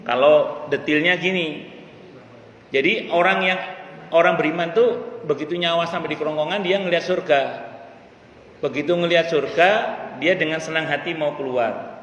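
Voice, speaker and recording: A man teaches in a mosque, his somewhat high voice ringing through a roomy hall with a long tail. He chants Arabic lines slowly before explaining them. Faint room ambience hums underneath. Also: fairly bright tone, muffled recording, a little hiss or hum. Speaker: religious teacher. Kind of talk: mosque study lecture.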